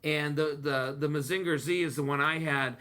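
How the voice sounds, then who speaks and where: A podcast host in his thirties talks in an eager, rambling way, full of fillers and nostalgia. His voice is bright and sits a little high for a man, with a forward, tense edge. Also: fairly even intonation, normal speed. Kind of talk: casual chat.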